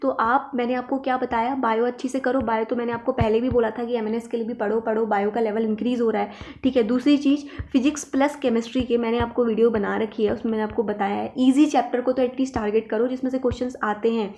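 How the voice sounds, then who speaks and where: Emphatic woman teacher, fairly high voice. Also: warm tone. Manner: repeats "ठीक है" and "देखो" to check in with students; reassuring, emphatic instruction. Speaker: exam coaching teacher. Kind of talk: explanatory online lesson.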